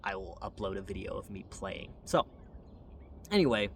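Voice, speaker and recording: Casting: introspective American male vlogger with a lowish voice, rambling hesitantly, recorded from a distance with audible noise. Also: lively intonation, moderate pace. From Wyoming, United States. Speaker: video channel host. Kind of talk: unscripted reflective monologue to camera. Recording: distant mic, noisy background.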